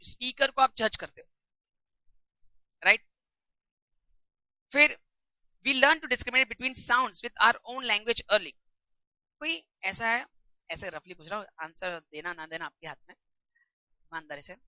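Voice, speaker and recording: A man's voice: very high-pitched, slow pace, long pauses, pushed and bright, dry recording, lo-fi sound. A man teaching a lecture class in a conversational way, often putting questions to his students.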